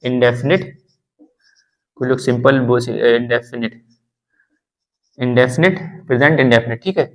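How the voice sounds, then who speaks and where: A man's voice: mid-range voice, normal speed, pauses often, low-quality recording. A man teaching English grammar in a classroom lesson, repeating terms and reassuring learners. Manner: repetitive, reassuring explanations.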